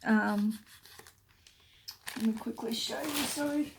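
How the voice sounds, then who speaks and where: A woman, chatting casually as she shows her craft journal, rambling and often trailing into soft murmurs. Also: on the high side, takes it slowly, gravelly. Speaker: craft vlogger. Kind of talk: casual show-and-tell. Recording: noisy room with paper crinkling.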